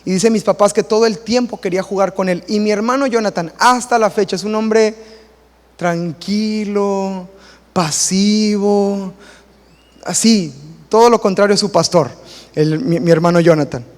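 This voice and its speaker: A man, a pastor preaching a sermon in a church, lively and acting out quoted voices and little stories. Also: sits high, measured pace, in a large hall. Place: church hall.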